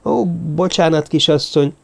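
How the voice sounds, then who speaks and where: A man voicing a hesitant, polite young man who speaks slowly and cautiously, in an audiobook. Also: a little high, gravelly, darkish tone, pitched above the performer's own voice. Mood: apologetic. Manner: slow, cautious.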